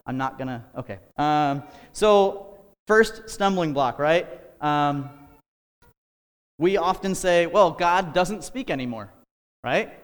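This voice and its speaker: A man's voice: a little high, smooth, big-room sound. A man giving an earnest, conversational sermon-style talk on a podcast, with casual asides and fillers. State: out of breath. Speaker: podcast host preaching.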